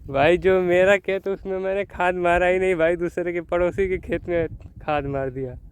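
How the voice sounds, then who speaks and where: Clear and resonant, this man's high-sitting voice keeps a fairly even intonation at normal speed. A young northern Indian vlogger, he chats to camera from farm fields and later from home, self-mocking and rueful, often calling viewers "brother" and saying "bhai sahab."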